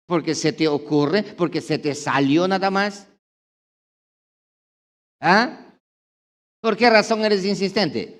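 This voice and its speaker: A man's voice: sits high, takes it slowly, long pauses, fairly bright tone. A man pastor giving a sermon, talking straight to his congregation with repeated rhetorical questions and insistent repetition. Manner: addresses the congregation directly.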